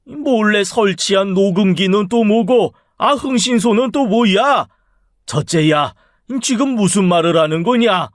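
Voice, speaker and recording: A man's voice: high voice, expressive, a little slow, no room sound, studio quality. A man voicing a stern older father-in-law who scolds his daughter-in-law harshly in an audiobook drama. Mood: scolding.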